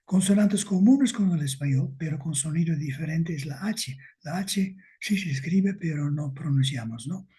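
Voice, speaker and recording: A man giving an academic lecture with slides, speaking slowly and deliberately and checking in with his listeners. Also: on the high side, mellow, husky.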